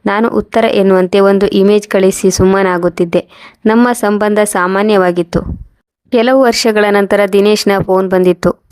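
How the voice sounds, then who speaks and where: A woman narrating a first-person moral story in an even, steady reading voice, speaking the quoted dialogue in the same voice. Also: medium pitch, no room sound.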